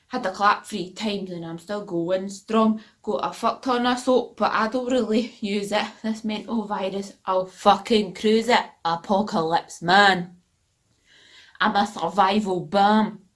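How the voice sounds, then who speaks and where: A woman performing comic poetry with a crude, deadpan delivery. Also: medium pitch, measured pace. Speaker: comedy poet.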